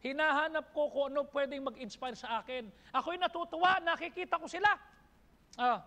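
Preaching fairly quickly in a very high, bright and forceful voice, a pastor with a Filipino accent switches between Tagalog and English as he builds emphatic lists that climb higher. The church hall setting adds long reverb to the sound.

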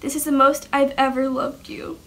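Teen girl vlogger, bubbly and dramatic, handheld camera, high bright voice. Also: level tone, normal speed. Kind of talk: casual vlog chat. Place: home and mall.

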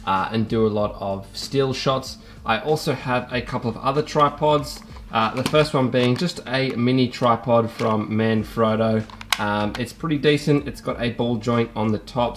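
Young man explaining his camera gear. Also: medium pitch. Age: young adult. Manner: relaxed, explanatory, frequent ums and uhs. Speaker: vlogger. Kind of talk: casual gear review to camera. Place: small home room and garage, indoors. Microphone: handheld camera with top-mounted shotgun mic.

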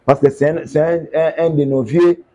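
A man in an animated, casual conversation, often talking over the other speaker. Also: on the high side, normal speed. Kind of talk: casual conversation mixing languages.

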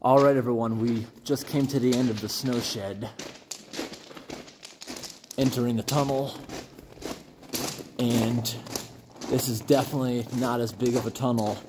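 A man's voice: mid-range voice, fairly even intonation, unhurried, long pauses, noisy background. A man exploring abandoned railroad tunnels on foot, chatting casually to viewers as he walks. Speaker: urban explorer vlogger. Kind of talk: walking commentary.

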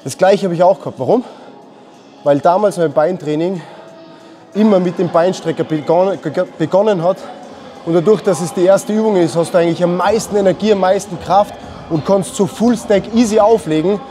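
Fitness guy talking thru his leg day, mellow slightly high voice, chill and instructive. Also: fairly quick, soft background music. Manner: instructive, casual, mixes English gym slang. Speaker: fitness vlogger. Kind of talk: gym workout explanation.

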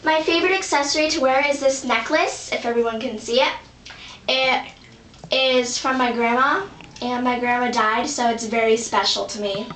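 A woman voicing a laid-back, sentimental female pig who talks in a slow, hesitant way, in a roomy, distant home recording. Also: a little high, a bit bright, a little hiss or hum, lightly acted. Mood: dreamy.

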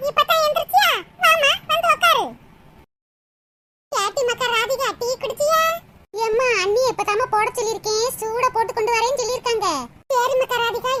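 A woman voicing a scheming older mother-in-law in a cartoon, with a Kanyakumari Tamil accent and a sharp, scolding way of talking. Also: very high-pitched, a little hiss or hum. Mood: doting. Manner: scolding, sharp-tongued, doting to her daughter. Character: older scheming mother-in-law who favours her daughter. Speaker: cartoon voice actor. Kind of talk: comic cartoon voice acting.

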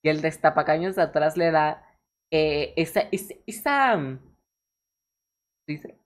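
A young woman with a Mexican accent, casually reacting to fan art on a stream, excitable and swearing freely with frequent laughs. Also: deep voice, unhurried. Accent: Mexican Spanish.

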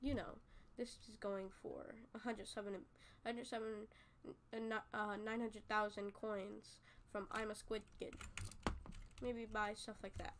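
A woman's voice: medium pitch, flat delivery, unhurried, slight background noise. A woman giving casual, rambling commentary over gameplay as a gaming YouTuber, often correcting herself. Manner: rambling, chatty, self-correcting. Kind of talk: casual game tutorial commentary.

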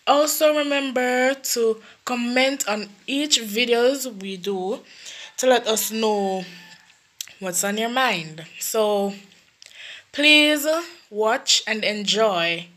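Unhurried Jamaican woman host. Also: fairly high pitch, a bit bright. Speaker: video host. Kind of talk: casual video intro.

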